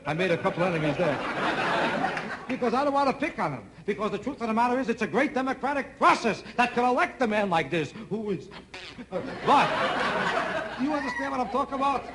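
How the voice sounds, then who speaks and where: A man's voice: very high-pitched, sing-song, quick pace, a crowd in the background, noisy background. A man doing a stand-up comedy routine on a TV stage, sardonic and needling the audience with repeated questions. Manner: sardonic, talks to audience members, rhythmic repetition. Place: TV studio stage with live audience.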